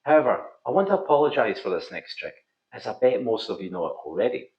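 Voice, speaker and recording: Male instructor, broad Scottish accent, animated pitch swings, tutorial narration in a roomy, echoing space. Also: fast. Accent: thick Scottish. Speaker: pool instructor, video host. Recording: slightly dull, roomy echo.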